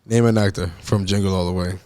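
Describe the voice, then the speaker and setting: A man's voice: deep voice, steady tone, a little mellow, smooth, dry recording. Teasing young man, slangy podcast banter. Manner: teasing, quick questions, slangy. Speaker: podcast co-host. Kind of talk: casual chat.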